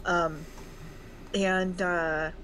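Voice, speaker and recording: A woman's voice: fairly low pitch, little pitch movement, very slow, fairly bright tone, a little hiss or hum, poor audio. A woman playing in a tabletop game, speaking hesitantly and thoughtfully. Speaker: player. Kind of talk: tabletop role-play chat.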